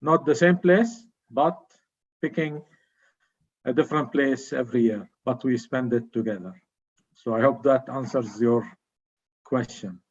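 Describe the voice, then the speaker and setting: A middle-aged man speaking in a measured, formal way as an evaluator addressing a club meeting. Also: medium pitch, slightly rough, highs cut off. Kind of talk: prepared public speaking.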